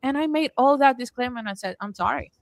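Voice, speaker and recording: A woman from Puerto Rico with a Puerto Rican Spanish accent, co-hosting a casual podcast chat and telling animated stories, often laughing and acting out what she said. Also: high voice, fast talker, gravelly, rough recording. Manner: animated storytelling, laughs often, quotes herself. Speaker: podcast co-host.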